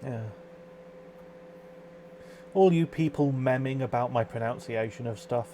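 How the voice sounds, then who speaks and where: A man's voice: medium pitch, a little slow, warm tone, a little hiss or hum. A man chatting casually on a live stream, rambling, swearing freely and reacting to chat comments. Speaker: overclocking livestreamer.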